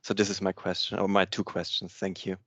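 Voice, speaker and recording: Male audience member from Austria, flat and gravelly, halting, dull dry call audio. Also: low voice, no echo. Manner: halting, many fillers. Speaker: audience member asking a question.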